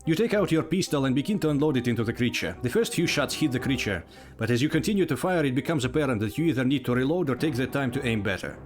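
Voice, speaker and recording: A man's voice: mid-range voice, expressive, fast, faint music behind. A man reading out and narrating a text adventure game, casual, with asides.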